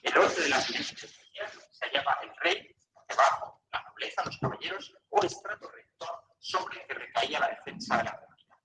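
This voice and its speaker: A man reads a formal documentary narration, heard from a video whose audio keeps stuttering and dropping out as it buffers. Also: recorded from a distance. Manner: formal, measured reading with lively pitch. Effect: choppy audio that keeps cutting out, like a buffering video stream. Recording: echoey video played through a call, faint noise.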